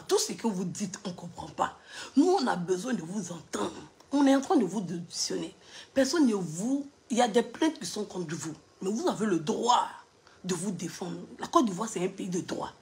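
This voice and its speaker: A woman voicing an official who sternly questions someone and keeps repeating orders to calm down. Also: medium pitch. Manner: firm, repeating commands.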